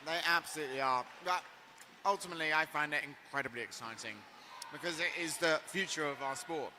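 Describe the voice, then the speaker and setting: A man's voice: fairly high pitch, fairly quick. A man giving earnest, enthusiastic play-by-play commentary on roller derby. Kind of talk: live sports commentary. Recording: faint ambient noise.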